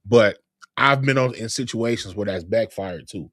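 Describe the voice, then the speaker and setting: A man's voice: on the low side, normal speed, no echo, clean studio sound. Laid-back rambling man talk-show host. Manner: relaxed, rambling, lots of fillers. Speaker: podcast host, comedian. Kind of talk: casual chat.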